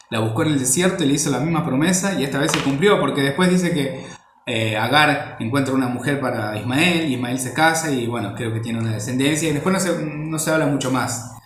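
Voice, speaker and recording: A man's voice: mid-range voice, roomy sound, slight background noise. A man giving an informal Bible teaching, rambling and repeating words as he searches for the next phrase.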